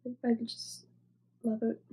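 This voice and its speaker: This young knitting podcast host, congested from a cold, rambles through casual show-and-tell with many fillers, often trailing to near-whispers. Her fairly high voice is dark with a breathy edge, delivered completely flat and slowly. The recording is rough.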